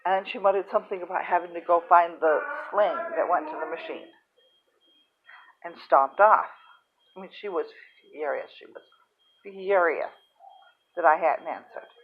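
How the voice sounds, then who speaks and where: A woman telling a personal story in a halting, soft-spoken, emotional way. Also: fairly low pitch, breathy edge. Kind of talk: casual first-person storytelling. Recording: tinny phone-like sound.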